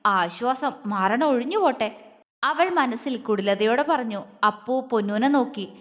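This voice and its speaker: Woman narrating a story serial, expressive reading, high voice, echo hanging on. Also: unhurried.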